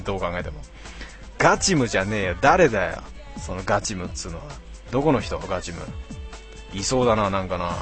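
A slightly tipsy man in his twenties rambles through viewer comments on his live stream, teasing himself in rough, slangy talk. His voice sits low. Soft music plays faintly behind him. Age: 20s. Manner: rambling, rough slangy self-mocking banter.

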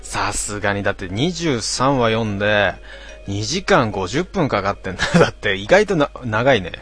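A man hosting a casual late-night stream, reading out listener comments with grumbling asides and frequent throat clearing. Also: lowish voice, lively intonation, moderate pace, fairly bright tone, faint music behind. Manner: grumbling, talks to himself, mock-annoyed asides.

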